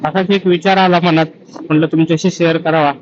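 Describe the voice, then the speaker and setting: Man, solo rider vlog, fairly high voice, muffled audio over faint road noise. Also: level tone, brisk. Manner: reflective, gives life advice between road updates. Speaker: solo motorbike travel vlogger. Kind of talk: casual travel vlog talk. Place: outdoors on a road trip.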